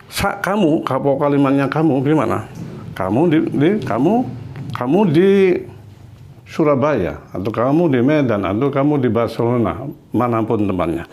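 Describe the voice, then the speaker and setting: A man teaching a Spanish lesson in a classroom. He explains slowly and patiently and repeats each example. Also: mid-range voice, a little mellow.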